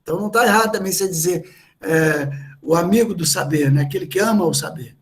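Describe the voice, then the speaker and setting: A Brazilian man with a Brazilian Portuguese accent preaches at a church meeting, his voice sitting high for a man. He teaches patiently, stopping to explain each word. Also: quick pace, a bit bright. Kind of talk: sermon.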